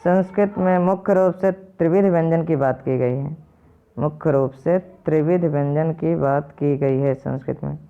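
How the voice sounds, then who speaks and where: A man teaching a lesson, patiently repeating and slowly spelling out each sound. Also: on the high side. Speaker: Sanskrit teacher. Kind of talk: explanatory lesson to viewers. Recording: dull lo-fi recording.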